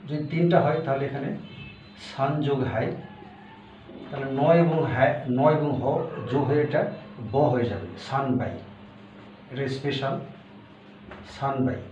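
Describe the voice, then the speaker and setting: A man teaching a language lesson, explaining step by step and repeating each word slowly, with fillers. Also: mid-range voice, steady tone, a little mellow. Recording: echoey room, far from the mic, dull with faint hiss.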